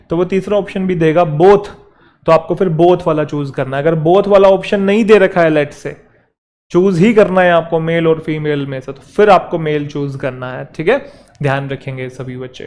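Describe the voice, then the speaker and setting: Male teacher, somewhat high voice, patient step-by-step explainer. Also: darkish tone. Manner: explains step by step, addresses students as "beta", reads example sentences slowly. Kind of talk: classroom grammar lesson.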